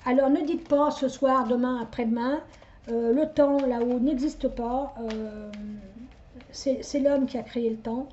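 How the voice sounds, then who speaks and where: Rambling middle-aged woman medium, mellow voice. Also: high voice, steady tone, a little slow, highs cut off, a little hiss or hum. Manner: rambling, many hesitations and stuttered restarts; talks directly to the listener, chatty and insistent. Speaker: psychic medium. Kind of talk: casual spoken reading to viewers.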